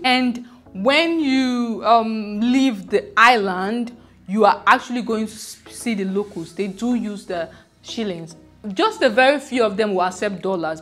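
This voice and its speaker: A woman's voice: medium pitch, a bit bright. A woman vlogging casually about her trip from a seaside resort, with a chatty, conversational way of talking full of "like" fillers. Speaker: travel vlogger. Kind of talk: casual travel vlog.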